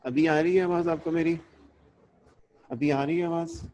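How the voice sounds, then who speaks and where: A man teaching over a video call in a gentle, reassuring way, his voice a little higher than most men's. A bad internet connection keeps cutting his audio into broken, choppy pieces. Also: steady tone, moderate pace. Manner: gentle, reassuring, calls students "beta". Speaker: university teacher. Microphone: laptop or phone mic on a video call.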